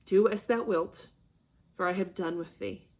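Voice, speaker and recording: A woman's voice: medium pitch, unhurried. Brief: woman as a cold, curt noble mother, play reading.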